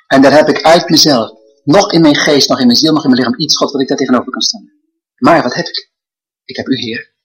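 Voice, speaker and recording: A man's voice: fairly high pitch, husky, low-quality recording. An older man preaching a sermon, telling stories earnestly and building to emphatic proclamations.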